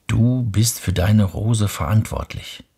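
A man voicing a wise, calm fox in a hushed, whispery bedtime reading. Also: lowish voice, slow pace, gravelly, husky, full character voice.

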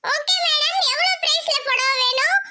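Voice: very high-pitched, moderate pace, sharp tone, full character voice. A performer voicing a courteous young shop assistant in a cartoon, greeting customers. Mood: polite. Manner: courteous sales talk. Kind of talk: cartoon voice acting.

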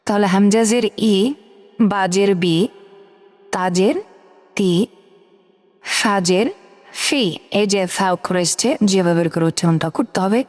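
A woman's voice: mid-range voice, normal speed, pauses often, darkish tone, in a large hall, soft background music. A woman teaching Quran reading step by step, patiently sounding out each syllable and repeating it. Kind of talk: step-by-step recitation lesson.

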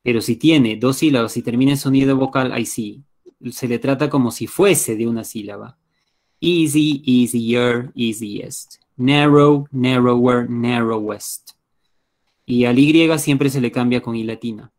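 A man's voice: medium pitch, brisk, a little mellow. A man with a Peruvian Spanish accent teaching an online class. He explains patiently and keeps checking in with his students. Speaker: English teacher.

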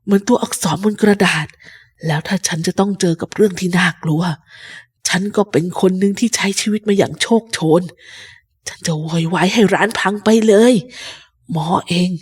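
A woman voicing a sick old male pirate captain who craves rum, talking slowly and low with strain. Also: breathy edge. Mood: pleading. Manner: slow, low, strained speech. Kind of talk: storybook reading.

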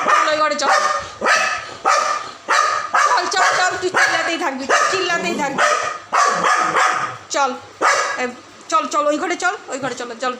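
A woman vlogging at home, talking to her viewers and scolding and coaxing her dog with quick repeated commands. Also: high voice. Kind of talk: casual home vlog narration. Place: inside a home. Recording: echoey room with background noise.

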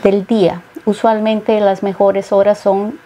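A middle-aged woman from Peru talks slowly about her painting as an interview guest. Her voice is mellow and warm, and she pauses often with thoughtful fillers. She sounds close on a lapel mic in a studio set. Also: mid-range voice, little pitch movement. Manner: thoughtful, many hesitations. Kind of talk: interview conversation.

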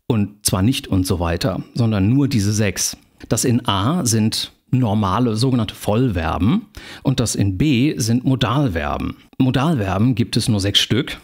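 Measured male university lecturer, low voice. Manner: measured, explanatory, addresses students formally.

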